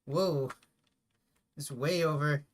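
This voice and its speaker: A man's voice: on the high side, slow pace. A man playing a tabletop wargame, thinking aloud and correcting himself as he decides moves. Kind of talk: casual game-table chat.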